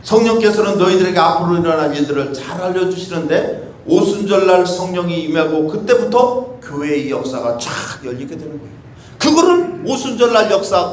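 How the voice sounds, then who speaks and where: A male pastor preaching a sermon, talking conversationally with many rhetorical questions and acting out prayers. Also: high voice. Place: church sanctuary. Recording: echoey church room with faint hiss.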